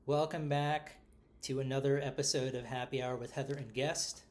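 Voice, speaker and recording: A man's voice: mid-range voice, fairly even intonation, moderate pace, a little mellow. A middle-aged man with a New York accent co-hosts a casual podcast chat. He rambles and pokes fun at himself, with lots of "um" and "uh" as he loses his train of thought and picks it back up. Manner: rambling, self-deprecating, with fillers. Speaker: podcast co-host.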